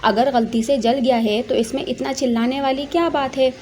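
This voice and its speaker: A woman's voice: sits high, fairly even intonation, normal speed, darkish tone, a little hiss or hum, lightly acted. A woman voicing a stern, exasperated middle-aged mother who scolds and reasons. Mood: reproving.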